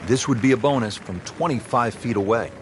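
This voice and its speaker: A man doing golf play-by-play in a measured, understated broadcast commentator manner. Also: mid-range voice, some chatter behind, a little hiss or hum, lightly acted.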